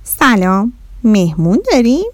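A woman's voice: medium pitch, animated, no room sound, natural voice. A woman voicing a kind mother who speaks in a friendly, lightly teasing way. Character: kind mother, gently surprised.

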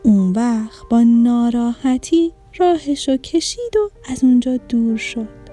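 A woman narrating a children's story in an expressive, gentle storytelling voice. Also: fairly high pitch, faint music behind.

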